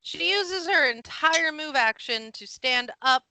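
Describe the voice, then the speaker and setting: A woman narrating as game master of a tabletop game, animated and quick with asides. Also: sits high, no echo, poor audio.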